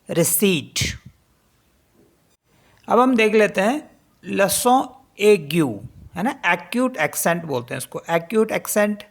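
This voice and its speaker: A woman teaching a French pronunciation lesson in Hindi mixed with English, spelling each word letter by letter and repeating it slowly. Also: mid-range voice. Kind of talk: spoken language lesson.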